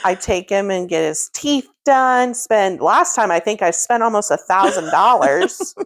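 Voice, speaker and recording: Lively woman telling a comic story. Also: unhurried. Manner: animated, acts out quoted lines with big pitch jumps; frequent laughter while talking. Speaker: podcast co-host.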